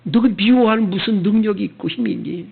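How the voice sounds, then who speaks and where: A man voicing God as a solemn, gentle male figure who speaks in a slow, hushed rebuke. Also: high-pitched, vocal fry, husky, pitched above the performer's own voice, exaggerated voice. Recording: tinny phone-like sound.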